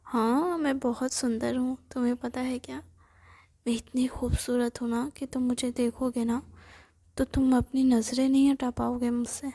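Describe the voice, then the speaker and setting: A chatty, self-admiring young ghost girl, as a woman puts her on in a whispered role-play. She fires off question after question in a breathy, high, fairly flat whisper. The tone is soft and dark. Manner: rapid questioning, insistent.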